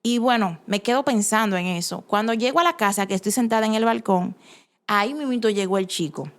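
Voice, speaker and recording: A woman with a lilt recounts her own story of faith. Her voice sits at a middle pitch, and she speaks earnestly and with emphasis, circling back and restarting her phrases as she goes. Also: a little fast. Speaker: testimony giver. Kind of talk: personal faith testimony.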